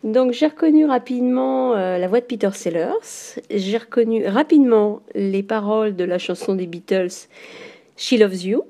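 A woman leaving a voice message for a podcast, giving her quiz answer in a clear, orderly way. Her voice is mellow and soft-toned, at a middle pitch. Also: normal speed. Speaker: listener caller.

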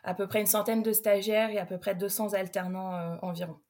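A woman's voice: medium pitch, steady tone, a little fast, darkish tone. A young adult woman, a recruitment specialist, answering interview questions in a casual, hesitant way with many filler sounds.

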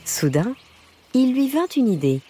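A woman narrating a children's story in a lilting, expressive way. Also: a little high, a little slow. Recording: music bed under the voice.

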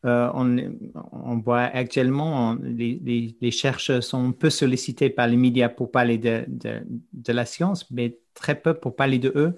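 A man's voice: mid-range voice, fairly even intonation, measured pace, vocal fry, hardly any pauses, darkish tone. A middle-aged man in talks spontaneously as an interviewed researcher, repeating words as he searches for phrasing. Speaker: researcher and podcast co-host, interview guest.

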